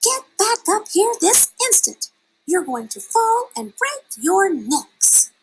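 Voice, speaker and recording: A woman's voice: very high-pitched, very animated, slow, slight background noise, voice pushed up, heavily acted, poor audio. A woman voicing a stern, bossy mother bird who scolds and protects her chicks in a children's storybook. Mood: alarmed scolding.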